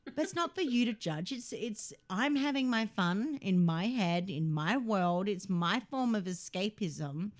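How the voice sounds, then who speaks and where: A chatty American woman with a regional accent co-hosts a live radio talk show. She giggles often and her pitch swings widely. Her voice sits in a middle range for a woman. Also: unhurried. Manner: giggly and expressive, laughs often. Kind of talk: casual live radio chat.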